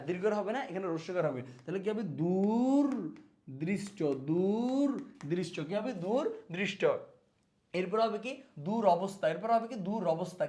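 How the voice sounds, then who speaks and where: A high-pitched man with a Bangladeshi Bengali accent energetically coaches exam students through spelling. He repeats each word to drill it and answers his own questions.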